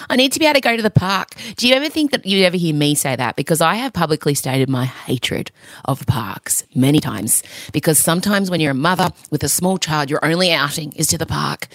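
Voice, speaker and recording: A woman's voice: lowish voice, fairly bright tone, dry recording. A middle-aged woman with an Australian accent hosting a podcast, telling comic personal stories with theatrical, mock-outraged exaggeration. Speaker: podcast host. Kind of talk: comic personal monologue to listeners.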